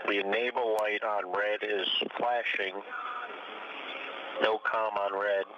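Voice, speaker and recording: A man's voice: fairly low pitch, little pitch movement, slow. A male astronaut giving clipped, methodical equipment status reports over a space-to-ground radio link. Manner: clipped, methodical, matter-of-fact. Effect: space-to-ground radio downlink. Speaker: astronaut aboard the space station. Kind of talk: terse technical status reports. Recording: muffled radio link, faint hiss.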